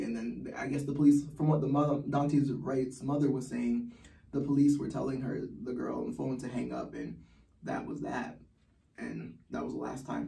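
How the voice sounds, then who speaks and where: A man's voice: mid-range voice, vocal fry, warm tone, recorded from a distance. A man giving heated, blunt personal commentary as a vlogger, swearing often. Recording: roomy echo, from the mic.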